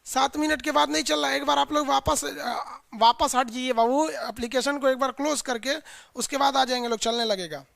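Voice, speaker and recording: A man's voice: extremely high pitch, fairly even intonation, moderate pace, gravelly, a bit bright, no echo, clean studio sound. A man teaching a live online class in a colloquial, chiding way, drilling his students with repeated call-and-response lists.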